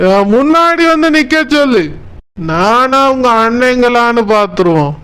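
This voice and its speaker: A man's voice: extremely high pitch, animated, unhurried, pushed and bright, smooth, heavily acted. A man voicing a drunken, blustering village husband in a cartoon, slurring and self-important, with a Kanyakumari Tamil accent. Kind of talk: cartoon comedy voice acting.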